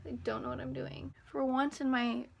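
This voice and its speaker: A teenage girl vlogger with a slightly high voice chats and rambles while she does her makeup, joking at her own expense. She records on a phone in a small bathroom, and a faint hiss sits under her voice. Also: very animated, moderate pace, creaky. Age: teens. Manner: rambling, self-deprecating and chatty. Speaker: beauty vlogger. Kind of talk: casual get-ready-with-me vlog. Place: home bathroom. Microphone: phone camera nearby.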